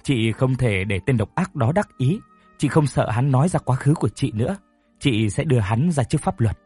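A man's voice: medium pitch, expressive, moderate pace, mellow, husky, no echo, soft background music. A man voicing a tearful young woman who is full of guilt, speaking in a choked, apologetic way. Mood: resolute.

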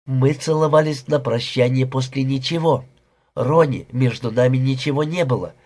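A man voicing a nineteen-year-old young wife who pleads and defends herself, speaking softly in an audiobook reading. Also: mid-range voice, normal speed, close to an everyday voice. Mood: pleading.

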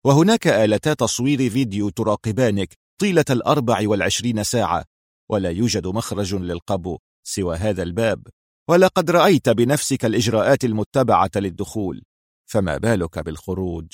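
A cold, arrogant male jailer speaks with harsh confidence, as a narrator puts him on. His voice sits a little lower than plain speech, calm and gloating. It is recorded dry and close. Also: fairly quick, dry recording.

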